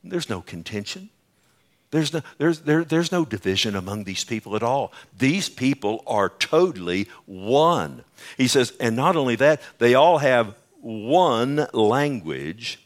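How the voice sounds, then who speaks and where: A pastor preaching a sermon at a pulpit microphone in a church, emphatic, putting questions to the congregation. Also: male voice, mid-range voice, sing-song, measured pace.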